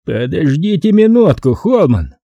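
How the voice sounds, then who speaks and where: Brief: hoarse, blustering studio boss, pushed up high and loud as a man voices him in an audiobook. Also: very animated, a little slow, no echo, lo-fi sound, full character voice. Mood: angry. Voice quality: hoarse, bellowing. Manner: shouts and gloats.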